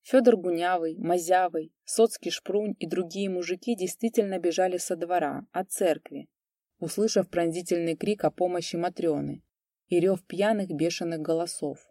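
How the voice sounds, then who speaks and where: Low, mellow woman narrating a story. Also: no echo, studio quality. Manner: measured, dramatic storytelling. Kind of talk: scripted audiobook narration.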